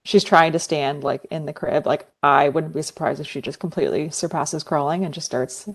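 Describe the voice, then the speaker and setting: Chatty young woman, lowish voice. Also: fairly even intonation, normal speed, breathy edge. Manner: chatty, laughs often, many "like" fillers. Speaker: guest. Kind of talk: casual chat.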